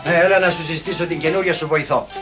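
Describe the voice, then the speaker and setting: A man's voice: on the high side, fairly even intonation, over music, natural voice. A man playing a leering rich company boss. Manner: sly, teasing, flirtatious. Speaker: lecherous company director.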